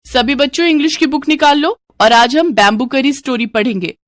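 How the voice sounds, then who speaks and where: A woman voicing a strict, impatient female schoolteacher who talks in a sharp, scolding way in a storybook. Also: sits high, a little fast, no room sound, clean studio sound, pitched above the performer's own voice, close to an everyday voice. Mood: brisk. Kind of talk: storybook voice acting.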